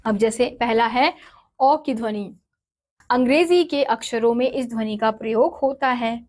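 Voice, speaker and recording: A woman's voice: on the high side, unhurried, a little mellow. A woman teaching a grammar lesson, patiently asking and answering her own questions and spelling out letters one by one.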